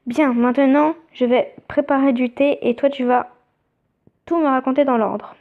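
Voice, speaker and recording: Calm polite game girl, read out by a woman, highish voice, tinny sound. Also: normal speed.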